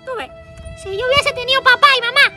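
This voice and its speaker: A grumpy, whiny boy in a comedy skit. The voice is very high and sulky, with loud kids' music behind it. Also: fast talker. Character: grumpy boy who says he is a man.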